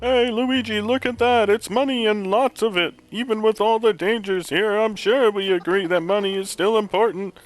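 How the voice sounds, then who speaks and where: Man doing an eager old inventor professor, pitched up, from a game walkthrough. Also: normal speed, hardly any pauses, lightly acted, poor audio. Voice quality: put-on voice the performer calls bad. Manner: higher, excited, reading game dialogue aloud. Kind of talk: reading video game dialogue.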